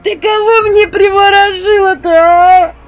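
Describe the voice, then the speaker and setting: A woman voicing a panicked young village girl who shrieks and wails in a shrill voice. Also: fairly even intonation, measured pace. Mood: shrieking panic. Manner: shrill, wailing, screeching. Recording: dull lo-fi audio with faint music.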